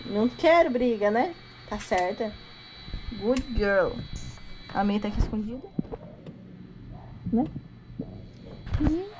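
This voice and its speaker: Woman, higher voice, sing-song baby talk to her dogs, noisy home recording with dogs in the background. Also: lively intonation, slow, long pauses. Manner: cooing, sing-song, repetitive. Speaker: vlogger talking to her pets.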